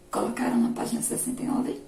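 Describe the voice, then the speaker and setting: A woman primary school teacher with a Brazilian Portuguese accent, giving a remote lesson slowly, step by step, and asking the class questions. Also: a little mellow. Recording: echoey room, distant mic, faint noise.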